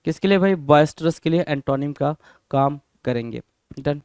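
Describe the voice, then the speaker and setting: High-voiced man teaching vocabulary. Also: normal speed, a little mellow, no echo. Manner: rhetorical questions to students, repeating each word. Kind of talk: exam-prep vocabulary lesson.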